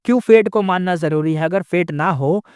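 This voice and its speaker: A defiant young male immortal, worn down by grief, speaks with quiet, bitter stubbornness, as a storyteller puts him on. His voice sits fairly high for a man. The sound is dry and close, with no room echo. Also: normal speed, clean tone, natural voice.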